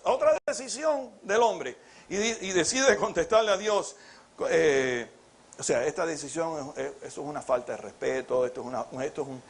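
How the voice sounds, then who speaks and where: A man preaching a sermon with rhetorical questions, acting out biblical dialogue as he goes. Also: high voice.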